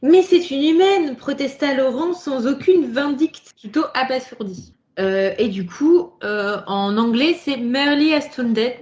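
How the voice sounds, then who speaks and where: A woman's voice: high-pitched, unhurried, hardly any pauses, darkish tone. A woman co-hosting a casual podcast chat, laughing often and reading passages aloud. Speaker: podcast co-host.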